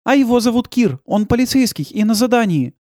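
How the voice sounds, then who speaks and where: Man voicing a nervous young woman, high voice, urgent questions, warm dry audiobook read. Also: expressive, fairly quick, dry recording. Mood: polite, nervous. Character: young woman travelling with policeman, anxious.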